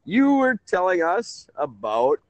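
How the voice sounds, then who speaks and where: Late-thirties male host, rambling and animated, close dry mic. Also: high voice, slow pace, no room sound. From Canada. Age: 30s. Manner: rambling, self-correcting. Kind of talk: casual call-in talk show.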